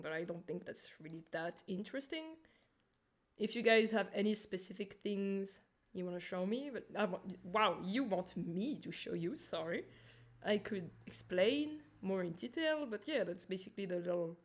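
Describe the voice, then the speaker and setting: Female livestreamer, Turkish accent, mid-range voice, informal and chatty, talking directly to the chat. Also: mid-range voice. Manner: informal, chatty, addressing viewers. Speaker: streamer, animator. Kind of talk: casual livestream chat and explanation.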